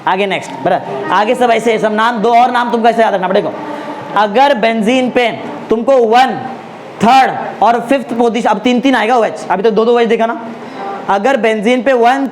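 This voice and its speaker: A male chemistry tutor lecturing a class, drilling students with constant check-in questions and slowly repeating key names for emphasis. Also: very high voice, fairly even intonation, slight background noise.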